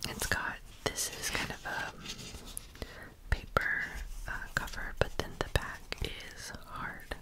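Slow, whispering ASMR woman. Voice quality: breathy unvoiced whisper. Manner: slow, gentle-paced, hushed casual remarks. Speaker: ASMR video host. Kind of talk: whispered ASMR, showing and describing notebooks.

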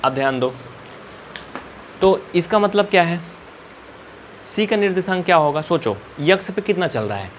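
A man's voice: sits high, lively intonation, normal speed, long pauses, slight background noise. A male math teacher from India explaining coordinates at a whiteboard in a colloquial, coaxing way, asking questions and answering them himself.

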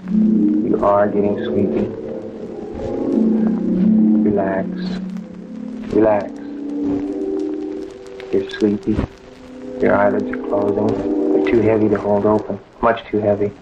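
An actor playing a calm hypnotist who talks someone into sleep with slow, repeated commands, in an old film. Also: male voice, on the low side. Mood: soothing. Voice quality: slow, soothing, repetitive commands. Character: calm male hypnotist putting a woman under. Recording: dull old film soundtrack with music.

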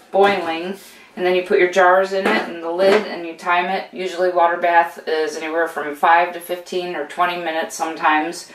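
Recorded from a distance with a noisy background, a US homesteading host, an older woman with a fairly low voice, shows off gear in a casual how-to. She's in an indoor home kitchen with steel counters, chatting encouragingly with many fillers and restarts, her off-mic voice carrying a roomy echo.

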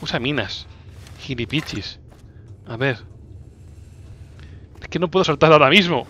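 A man from Spain, commentating a video game casually, teasing the enemy and breaking into excited shouts. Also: fairly high pitch, measured pace. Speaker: gameplay commentator. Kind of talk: casual let's-play commentary.

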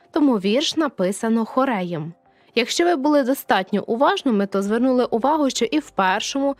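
A woman teacher explaining poetic meter in a video lesson, addressing viewers directly and counting syllables aloud. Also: on the high side.

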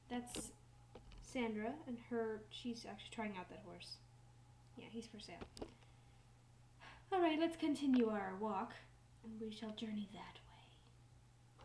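A woman's voice: fairly high pitch, slight background noise, rough recording. A teenage girl voicing a young woman who gives a stable tour in a doll video, talking in a chatty, hesitant way with small self-corrections. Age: late teens. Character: young woman barn worker giving a tour. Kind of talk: doll video role-play narration. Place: home room, doll barn set.

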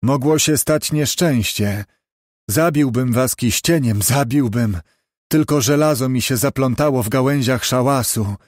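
A man's voice: medium pitch, a little slow, dry recording, clean studio sound, natural voice. A man voicing a starving, broken runaway convict who stammers and pleads, in an audiobook. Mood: shaken. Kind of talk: audiobook character voice.

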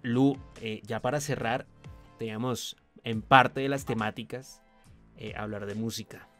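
Male interviewer, easygoing and a bit halting, mid-range voice, soft music bed. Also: mid-range voice, fairly even intonation. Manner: hesitant, many fillers, encouraging. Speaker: podcast host. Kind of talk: casual interview chat.

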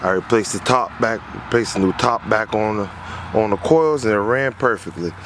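A man's voice: lowish voice, normal speed, noisy background. A man, an HVAC technician, walks through a repair job in a casual, rambling way, repeating himself as he goes, recorded outdoors on a phone. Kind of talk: casual explainer walkthrough. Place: outdoors on a lawn.

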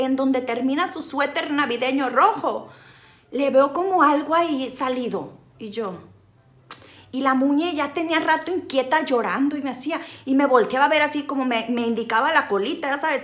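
A woman's voice: high voice, a bit bright. A woman, telling a comic story to camera in a dramatic, self-mocking way. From Sinaloa, Mexico. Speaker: vlogger.

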